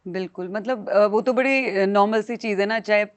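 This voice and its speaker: A woman's voice: mid-range voice, normal speed. A woman hosting a podcast who interviews her guests and keeps up a stream of short, affirming murmurs. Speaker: podcast host.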